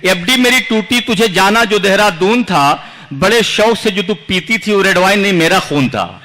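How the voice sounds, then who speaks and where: Declaiming his own verse at a large outdoor poetry gathering, an Indian man repeats lines for effect as he moves between humor and seriousness. His voice is high-pitched, animated and sharp at normal speed, with a little hiss or hum in the recording.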